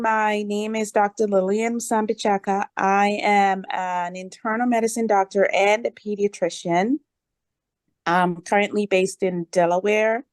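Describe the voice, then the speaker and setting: A woman who is an internal medicine doctor and pediatrician, introducing herself on a video call in a measured, lightly amused way. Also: mid-range voice, no room sound.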